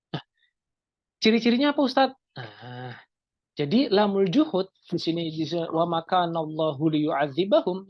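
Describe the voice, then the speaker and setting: Gravelly man teaching grammar online. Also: a little high, no echo, dull audio. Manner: explains step by step, asks and answers his own questions. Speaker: Islamic teacher. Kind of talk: online Arabic grammar class.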